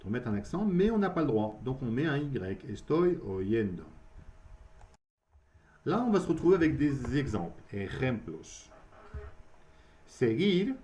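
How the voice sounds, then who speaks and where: Man teaching Spanish, lively patient explainer. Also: mid-range voice. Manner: explains in French, models Spanish slowly, checks with "ok?". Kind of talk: beginner grammar lesson.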